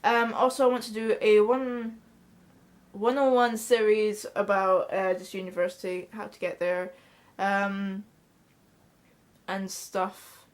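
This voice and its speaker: Slow-paced and level in tone, a young Scottish vlogger with a mid-range voice chats casually to a camera right in front of her. She's in a small bedroom, blunt and swearing freely.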